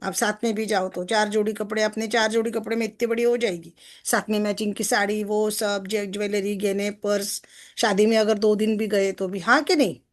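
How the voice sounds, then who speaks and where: A woman success coach explaining a text to a group in a chatty way, often asking listeners for agreement and slowing down to read passages aloud. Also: medium pitch, steady tone. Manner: chatty, asks listeners for agreement with tag questions; slows down when reading passages aloud.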